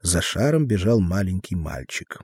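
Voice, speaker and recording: A man with a low voice reading a novel aloud in an expressive, measured style. His pitch moves widely through the sentences. The recording is dry and close to the mic. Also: slightly rough, no echo. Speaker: audiobook narrator. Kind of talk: scripted literary narration.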